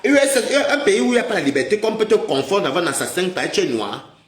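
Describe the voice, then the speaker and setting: A man hosting a livestream in a heated rant, his voice jumping high and low as he scolds and mocks his viewers. He sounds agitated and talks to them as maman. The recording carries a roomy echo. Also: big pitch swings, fast talker. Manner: mocking, scolding, repeatedly addresses viewers as maman. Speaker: livestream host.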